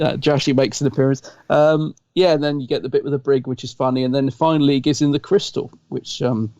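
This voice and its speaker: A man's voice: medium pitch, steady tone, fast talker, a little mellow, no room sound, highs cut off. A man co-hosting a podcast, chatting enthusiastically with lots of fillers. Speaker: podcast co-host. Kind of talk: casual chat.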